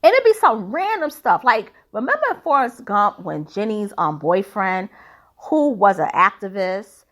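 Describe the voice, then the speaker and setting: A woman's voice: mid-range voice, big pitch swings, unhurried. A woman giving casual, opinionated commentary in an emphatic, blunt, colloquial way.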